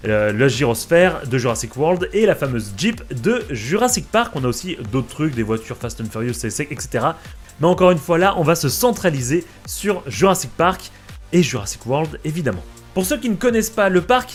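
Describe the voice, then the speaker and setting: A young man, narrating a theme park tour vlog in a chatty way, with many fillers and asides. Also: fairly high pitch. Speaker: vlogger touring a theme park. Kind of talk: casual vlog voice-over.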